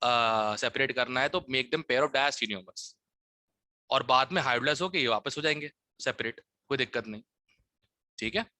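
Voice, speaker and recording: A man's voice: mid-range voice, a little slow, bright, forceful tone, no echo. A man teaching a chemistry class, explaining test questions and often checking that students follow. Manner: Hinglish teaching, frequent "ठीक है?" checks.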